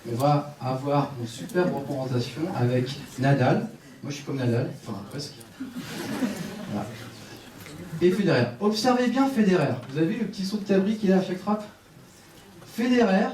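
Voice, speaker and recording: A man's voice: high voice, darkish tone. A man giving a sports conference talk on a headset mic, leading the audience through exercises with a directive, joking manner. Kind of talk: live lecture with audience exercises. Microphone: headset microphone. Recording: echoey room, voice from a distance, faint room noise.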